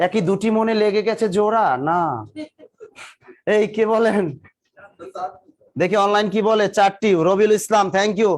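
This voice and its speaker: A man's voice: high-pitched, flat delivery, measured pace, pauses often. A man. He fires the same question again and again, then teases and scolds his students. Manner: drills students with repeated questions, teasing and scolding. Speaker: exam coaching teacher. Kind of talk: live classroom lecture.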